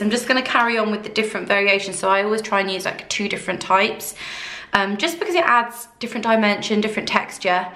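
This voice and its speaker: Croaky woman chatting through a craft tutorial. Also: mid-range voice, bright, forceful tone, slight background noise. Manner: rambling, conversational, many fillers. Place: room at home under ceiling spotlights. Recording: echoey room.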